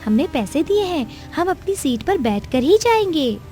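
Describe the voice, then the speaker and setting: A woman plays an outspoken young woman in a cartoon horror story. Her voice sits very high, and she speaks with a confident, questioning edge. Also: sing-song, unhurried, dark tone, soft background music.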